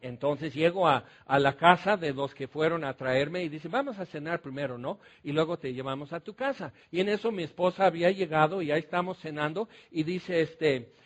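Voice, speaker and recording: A man with a Mexican Spanish accent preaching a lively sermon to his congregation, telling stories and asking them questions. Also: on the high side, a little fast, few pauses. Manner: animated storytelling, asks the congregation questions. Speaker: pastor. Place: church.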